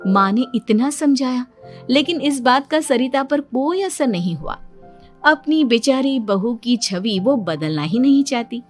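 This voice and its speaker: A woman tells a cartoon story in scripted storybook narration. She keeps it soft and gently expressive in a high voice. Light music runs underneath. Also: measured pace.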